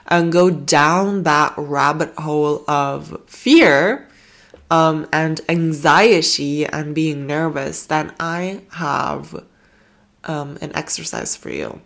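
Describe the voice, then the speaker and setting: This self-help podcast host, a woman with a low-pitched voice and vocal fry, is recording at home in Germany while suffering from a cold. She chats in a gentle, affectionate way, meandering and filling gaps with fillers.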